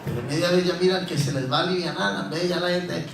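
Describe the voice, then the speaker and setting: A middle-aged man preaching a sermon as pastor, telling stories in an animated way and acting out pleading voices. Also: high-pitched, fast, vocal fry, slight background noise. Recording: roomy echo from a distance.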